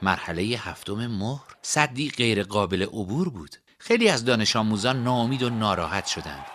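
A man narrating a story in an expressive storybook reading. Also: on the low side.

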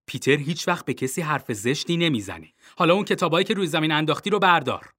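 A man's voice: on the high side, bright, forceful tone. A man voicing a fussy mother who snaps at one son and coos at the other in a storybook reading. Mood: scolding.

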